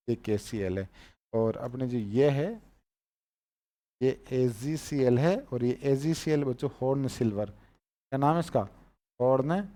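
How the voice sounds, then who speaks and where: A man with a mellow, medium-pitched voice and a Rajasthani Hindi accent teaches a chemistry class. He repeats each name and quizzes his students on it.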